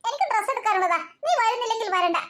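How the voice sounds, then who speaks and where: A woman's voice: very high voice, animated, very fast, background noise. A woman doing a snappy, teasing big-sister cartoon girl. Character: bossy teasing older sister, young girl. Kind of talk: cartoon voice acting.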